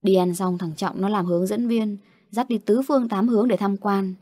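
A young woman narrating a story aloud in a lively storytelling way. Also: mid-range voice, normal speed, no room sound, clean studio sound.

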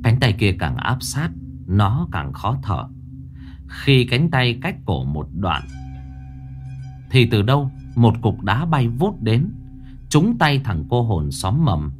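A man narrating a ghost story in an expressive storytelling manner. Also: medium pitch, takes it slowly, soft background music.

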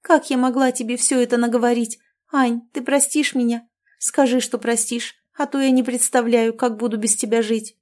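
A woman's voice: fairly high pitch, fairly even intonation, moderate pace, darkish tone, voice pushed up, lightly acted. A woman voicing an impulsive, emotional young woman who speaks from the heart. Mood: heartfelt.

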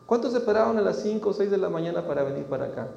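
Male preacher, higher-pitched, raspy low tones, acts out dialogues, in a church hall with long reverb. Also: lively intonation, racing, dark tone. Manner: preaching with rising emphasis, acting out dialogues. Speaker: pastor. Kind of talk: sermon. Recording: echoey hall, dull sound, faint noise.

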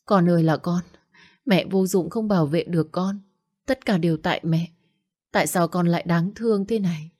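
A woman's voice: on the low side, normal speed, a little mellow, lightly acted. A woman doing a whiny scheming young woman. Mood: pleading. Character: scheming young woman faking a miscarriage, tearful.

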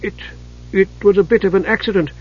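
A man's voice: high voice, fairly even intonation, brisk, husky, lo-fi sound, voice pushed up. A man voicing a rotund male dwarf god, a smith, who talks in an anxious, stammering way.

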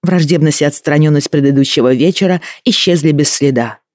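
Man narrating an audiobook, slightly high. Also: brisk, no room sound, clean studio sound. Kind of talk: scripted first-person narration.

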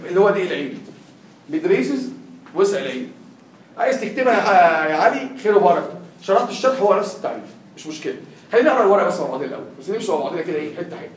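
A man's voice: high voice, very animated, rapid-fire, slight background noise. A young man with an Egyptian accent tutoring a class, quizzing the students with constant questions in a classroom lecture. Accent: Egyptian Arabic. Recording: echoey room, heard from far off.

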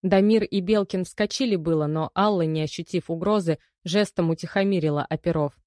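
Low-voiced woman narrating. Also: brisk, a little mellow, dry recording, clean studio sound. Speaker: audiobook narrator. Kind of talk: scripted narration.

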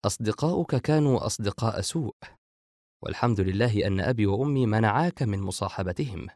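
A man's voice: fairly low pitch, animated, quick pace, darkish tone, dry recording. Sarcastic kid brother in an audiobook, guy's own voice, dry close sound. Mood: wry. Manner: sarcastic, dismissive. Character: younger brother, joking and sarcastic. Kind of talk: audiobook character voice.

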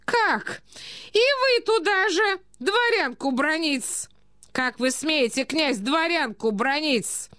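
A woman voicing a touchy, quarrelsome provincial lady who talks in a sharp, indignant way, clipping her words with a polite "-с" ending. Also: high voice, animated, takes it slowly, no room sound, clean studio sound, pitched above the performer's own voice, exaggerated voice.

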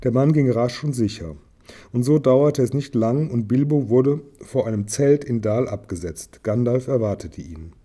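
Man reading a story in a dark voice. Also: medium pitch, normal speed. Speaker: audiobook reader. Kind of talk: reading a novel aloud.

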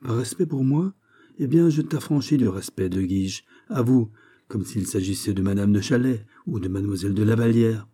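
A man's voice: on the low side, moderate pace, dark tone, husky. A man voicing a vain, jovial young prince who teases his courtier in a lordly way, in an audiobook of a classic novel. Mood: teasing jovial. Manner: teasing, laughing, lordly.

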